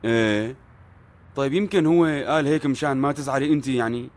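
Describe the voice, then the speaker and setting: A man's voice: medium pitch, quick pace, lightly acted. An actor with a Syrian accent playing a fretful, defensive middle-aged divorced father who talks over others and protests. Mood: flustered. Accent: Syrian Arabic.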